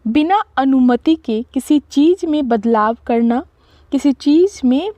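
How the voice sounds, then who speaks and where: A high-pitched woman with an Indian accent teaching vocabulary at an unhurried pace. She spells each word out letter by letter and reads the English definitions slowly, in a dry, close recording. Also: animated, warm tone, dry recording. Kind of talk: explaining word meanings.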